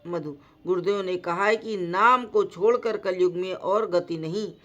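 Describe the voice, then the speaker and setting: A woman voicing a calm, firm male ascetic teacher in a slowly read devotional story. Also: on the low side, muffled recording. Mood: patient. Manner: slow, measured reading voice.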